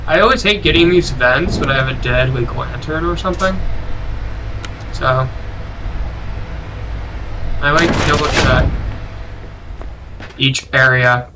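A man's voice: medium pitch, unhurried, pauses often, background noise. A man giving casual gameplay commentary as a gaming channel host, rambling and often correcting himself as he talks. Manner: rambling, self-correcting, chatty.

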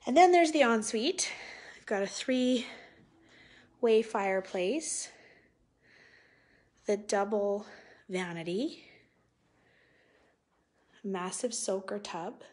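A real estate agent leads a live virtual tour of a large house, moving room to room with a phone held at arm's length. Her medium-pitched, darkish voice is expressive, upbeat and admiring, delivered slowly and deliberately.

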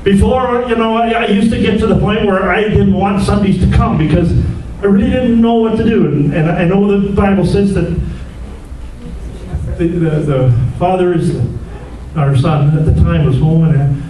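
A man's voice: high voice, normal speed, warm tone, slight background noise. Older man telling a chatty church testimony. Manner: chatty, laughs at his own jokes, repeats words. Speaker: church member giving testimony. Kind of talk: storytelling testimony. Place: church hall, indoors. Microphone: handheld mic. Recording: roomy hall audio from a far camera.

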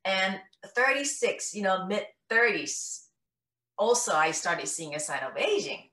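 Japanese-accented woman, 50s, guest on a video call, lively storyteller, bright tone, roomy distant webcam sound. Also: mid-range voice, a little slow. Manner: animated, gestures a lot, acts out what she recalls. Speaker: guest, founder of a face exercise method. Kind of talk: storytelling interview answer. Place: home room, video call. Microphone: laptop webcam mic on a video call.

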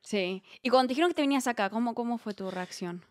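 A woman from Argentina, hosting a podcast in casual, curious chat and laughing easily. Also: a little high. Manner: chatty, curious, quick to laugh. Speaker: podcast host.

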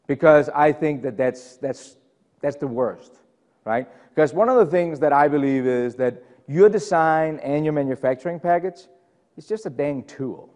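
This medium-pitched, darkish male voice belongs to a middle-aged Dane with a Danish accent presenting a technical session in a conference room. His delivery is casual, chatty, peppered with fillers and self-deprecating asides, and a long reverb tail trails his words.

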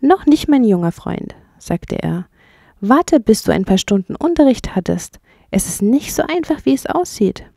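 A woman's voice: fairly high pitch, sing-song, normal speed, gravelly, warm tone, dry recording, studio quality, voice pushed up, exaggerated voice. A woman voicing a cheerful male water rat who rows a boat, in a children's audiobook. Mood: kindly, teasing.

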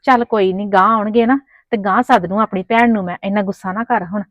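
A woman's voice: medium pitch, fairly even intonation, fast talker, no room sound, muffled recording. A woman playing a poor mother who pleads humbly with a neighbour and mutters to herself, in a family drama. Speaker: mother hosting in-laws. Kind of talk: Punjabi village family drama acting.

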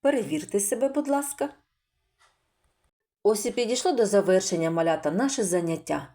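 A woman teaching preschoolers to read, sounding out words slowly and asking questions she answers herself. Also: mid-range voice, mellow. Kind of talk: slow, clear phonics lesson for young children.

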